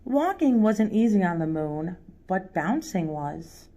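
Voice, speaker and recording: A woman with a lowish, mellow voice and big swings in pitch reads a picture book aloud to young children at storytime. She talks to them directly and breaks off to ask them questions.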